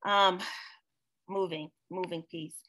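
Woman hosting a zoom event, slow talker, bright clear voice, cheering people on. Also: lowish voice, steady tone. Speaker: event host. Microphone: video call.

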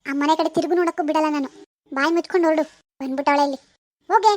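A woman voicing a bossy, scornful middle-aged mother in an animated village drama. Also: sits high, racing, no room sound, lightly acted. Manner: bossy, contemptuous.

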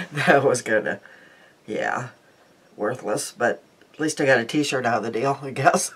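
There's slight background noise as an older Midwestern woman vlogs about beauty to her desk webcam from a cluttered little room at home. She speaks slowly in a very deep, congested voice, pausing often and rambling as she cuts herself off and starts sentences over.

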